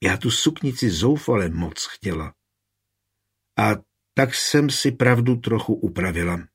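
A man with a husky voice reading an audiobook, raising his voice for an impulsive, bitter young woman. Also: fairly low pitch, expressive. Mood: confessing.

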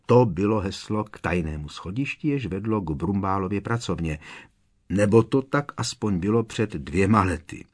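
A man's voice: low-pitched, lively intonation. A man narrating an audiobook with a dramatic, varied delivery.

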